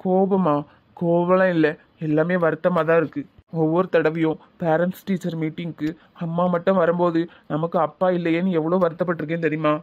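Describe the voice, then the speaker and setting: A man's voice: a little high, flat delivery, fairly quick, phone-quality sound, close to an everyday voice. A man voicing a troubled, jobless young man in a cartoon, with heavy, regretful talk in a Tirunelveli Tamil accent. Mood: hurt. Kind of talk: cartoon voice acting.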